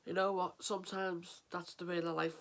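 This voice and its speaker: With a high-pitched, fairly bright voice and a flat delivery, this English man vlogs casually to camera on mental health. A head cold leaves him sniffly and stuffed up, and his earnest speech halts, restarts, and leans on fillers.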